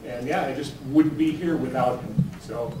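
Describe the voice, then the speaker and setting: A man's voice: medium pitch, moderate pace. A man giving an informal, hesitant tribute speech at a live induction event. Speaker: speaker inducting an honoree. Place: large room at a live event. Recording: echoey, distant mic, clear noise.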